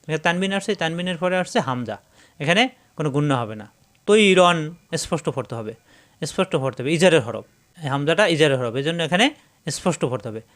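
A man teaching Quran recitation, spelling out syllables slowly and then chanting the verses drawn out. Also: on the high side, lively intonation, fairly bright tone.

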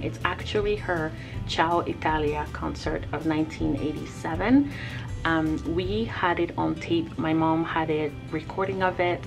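Over background music, a gravelly, low-voiced woman from the Congo, a native Lingala speaker, tells a laid-back story to accompany a timelapse. The artist vlogger chats and reminisces, dropping in frequent laughs and fillers.

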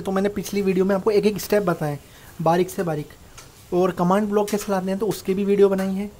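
A man's voice: high voice, darkish tone, a little hiss or hum. A young man casually narrating his own gameplay as host of a gaming channel, talking informally and directly to his viewers like friends. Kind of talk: casual Minecraft tutorial voice-over.

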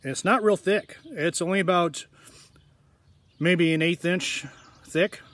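Guy chatting through a spicy snack taste test, kinda higher voice, laid back and rambly. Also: slow, no room sound. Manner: relaxed, rambling, talks to viewers directly. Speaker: food reviewer. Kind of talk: casual tasting vlog.

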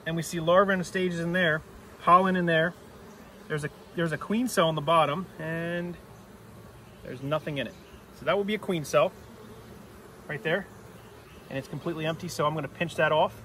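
A man's voice: on the high side, normal speed, pauses often, a bit bright, slight background noise. Beekeeper man explaining outdoors, slightly distant. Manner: plain step-by-step explaining while working. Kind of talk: hands-on teaching demonstration. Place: outdoor apiary on a grassy yard. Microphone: camera mic a few steps away. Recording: distant outdoor camera audio.

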